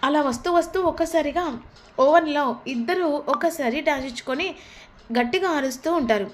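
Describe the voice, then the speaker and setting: High-voiced woman retelling a serial. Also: normal speed, a little hiss or hum. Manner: chatty, storytelling. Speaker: story recapper.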